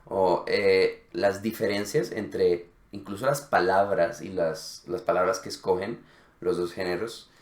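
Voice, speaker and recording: A man's voice: low-pitched, steady tone, unhurried, echoey room. A man co-hosting a casual Spanish lesson, explaining accents and demonstrating sounds. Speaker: Spanish teacher co-host.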